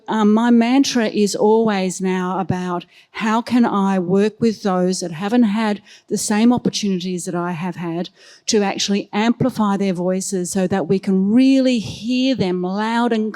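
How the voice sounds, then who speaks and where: A woman's voice: mid-range voice, fairly even intonation, a little slow, dark tone. A woman academic speaking earnestly on a festival panel into a handheld microphone, with many ums. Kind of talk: panel discussion talk.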